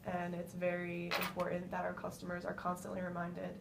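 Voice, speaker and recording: A woman takes the client's part in a practice sales pitch. Her answers come haltingly, in a slightly low, fairly even voice, over a faint rumble. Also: gravelly. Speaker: practice client acting as a meat business manager. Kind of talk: role-played business conversation. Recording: faint rumbly background noise.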